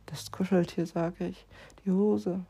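A woman vlogger rambling in a drifting, dreamy way, thinking aloud and now and then dropping to a soft whisper. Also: on the low side, steady tone, a little slow, creaky, husky. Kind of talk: rambling casual monologue.

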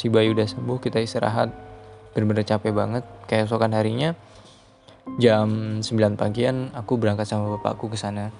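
Flat, gravelly man telling a ghost story. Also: fairly low pitch. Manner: rambling, repeats and restarts phrases, hushed on eerie parts. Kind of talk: casual horror story telling.

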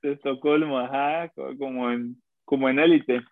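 A man's voice: mid-range voice, steady tone, normal speed, dry recording. A man, co-hosting a casual chat and joking around with silly impressions. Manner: jokey, laughing, does silly impressions. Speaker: podcast co-host. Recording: tinny phone-like line.

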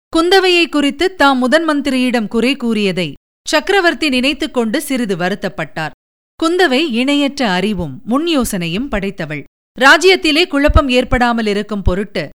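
A woman presenter narrating a serialized novel aloud in a measured, expressive reading style. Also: on the high side, clear, resonant tone. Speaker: presenter and storyteller. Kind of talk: scripted audiobook narration.

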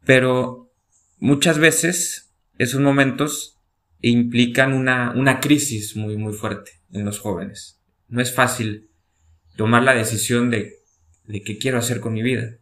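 A man's voice: medium pitch, fairly even intonation, measured pace, a bit bright. A man in his thirties from Mexico with a Mexican Spanish accent, a deacon co-hosting a podcast who speaks earnestly with small restarts. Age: 30s. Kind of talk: casual pastoral podcast talk.

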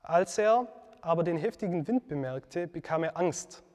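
A man giving an earnest devotional teaching talk, reflective, pausing with fillers and correcting himself. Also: a little high, animated, darkish tone, in a large hall.

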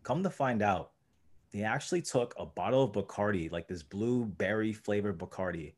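A young man, a guest, telling a story casually and filling his talk with "like" and "you know". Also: lowish voice. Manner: rambling, heavy use of "like" and "you know".

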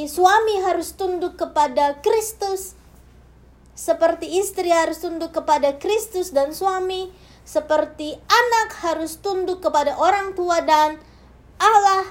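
High-voiced woman preaching a sermon. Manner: addresses the congregation directly, swinging from soft and hushed to loud and emphatic. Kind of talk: sermon with a personal testimony.

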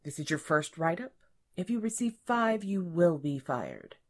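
A woman's voice: fairly low pitch, very animated, measured pace. A woman reading aloud and voicing a stern, haughty female office manager who scolds in a clipped way.

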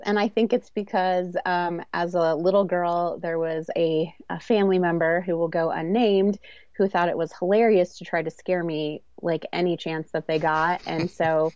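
Lowish-voiced, chatty woman as podcast guest. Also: fairly even intonation, moderate pace, a little mellow, dry recording, muffled recording. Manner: chatty, self-deprecating, giggly. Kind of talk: casual chat.

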